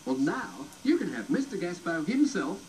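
A man presenting a 1970s children's TV segment in lively patter, heard played back from an old worn videotape. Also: high voice, normal speed. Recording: worn 1970s TV tape, crowd behind.

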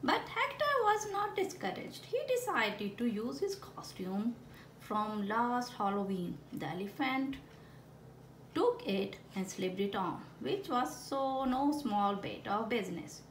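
In a roomy home recording with some background noise, a woman sits indoors at a wooden table with a frog puppet, reading a picture book to children with exaggerated, expressive storytelling and playful asides. Her voice is fairly high, with lively intonation and a slow pace.

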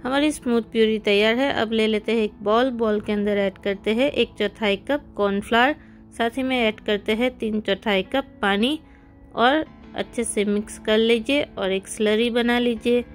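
A woman's voice: on the high side, moderate pace. A woman hosting a cooking channel, giving friendly step-by-step recipe instructions in a voice-over. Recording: soft background music.

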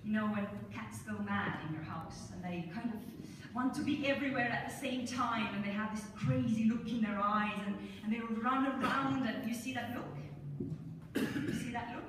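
Woman from Estonia, middle-aged, storytelling talk, fairly high voice, long hall reverb, noisy room. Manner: slow, warm-humored, with pauses. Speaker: church speaker. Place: church hall. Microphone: handheld mic, filmed from the congregation. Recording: echoey hall from far off, noisy.

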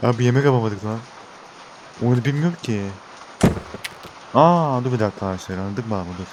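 A man's voice: mid-range voice, expressive, quick pace, pauses often, noisy background. A young Turkish man giving let's-play commentary, talking to his viewers and getting frustrated with the game. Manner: exasperated, talks to viewers as he plays. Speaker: gaming YouTuber.

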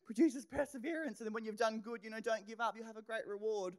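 Animated woman preaching a sermon. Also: a little high, fast talker. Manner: animated, acts out her own inner voice; drops to whispered asides. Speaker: pastor.

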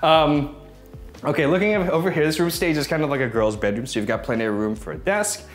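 A man's voice: a little high, fast, faint music behind. A man in his thirties giving a casual walk-through home tour as a gushing, admiring real estate agent. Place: inside rooms of a modern house, briefly on its balcony.

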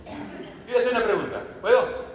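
A man's voice: very high-pitched, a little fast, far from the mic. An older man from Argentina with a Rioplatense accent, rambling and joking his way through a stage sketch. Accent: Rioplatense Spanish. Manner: rambling, jokey, laughing at himself. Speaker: sketch comedian. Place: large theater stage. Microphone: far room mics. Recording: echoey theater hall from afar.

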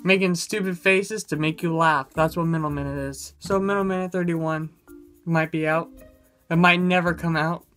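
A young adult man rambling casually in a vlog with a low-energy, goofy manner, recorded indoors close to the camera. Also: steady tone, normal speed, fairly bright tone, soft background music. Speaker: YouTuber. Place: indoors in a room. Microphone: camera close in front of him.

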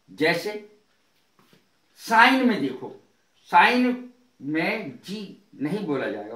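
A man teaching an English lesson, speaking deliberately and spelling words out letter by letter. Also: high voice, a bit bright, echoey room. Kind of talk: spoken language lesson.

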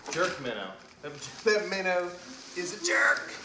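With a high voice that swings hugely in pitch, this man in his forties speaks a little slowly. He hosts a fishing channel and is unboxing at a table indoors with his kids, cheerfully joking and laughing a lot, in an echoey room with background noise.

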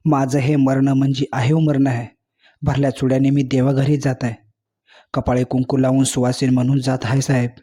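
A man voicing a dying young wife in a spoken story, soft and pleading as he reads her words. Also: mid-range voice, level tone, normal speed, breathy edge, close to an everyday voice. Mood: tender pleading.

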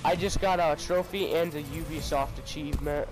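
Excited young man with game music under. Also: fairly high pitch, normal speed, low-quality recording. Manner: excited, swears casually. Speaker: gamer recording a party chat. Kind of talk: casual chat over game play.

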